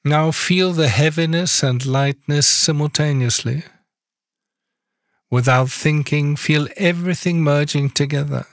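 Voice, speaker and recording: A man leading a guided body-awareness meditation, giving calm, soft-spoken instructions with long pauses between phrases. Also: a little high, dry recording, clean studio sound.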